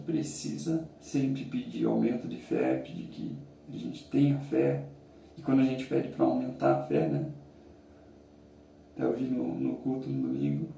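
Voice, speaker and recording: Immersed in ice-cold water, a Brazilian challenge vlogger muses aloud in a casual, reflective monologue, his phrases halting. He has a mid-range yet very dark, relaxed voice thick with gravelly creak, recorded from a distance in an echoing room with faint noise.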